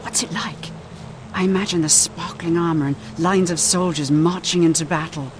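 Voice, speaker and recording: Man playing a high-pitched, eager timid youngster. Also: steady tone, normal speed, lightly acted. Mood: eager awe. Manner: polite, eager. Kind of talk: video game character dialogue. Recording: noisy ambience behind the voice.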